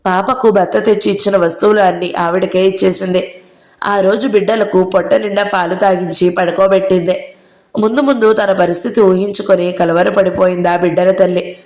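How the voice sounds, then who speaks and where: A woman narrating an audio novel in a steady storytelling manner. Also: mid-range voice. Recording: roomy echo.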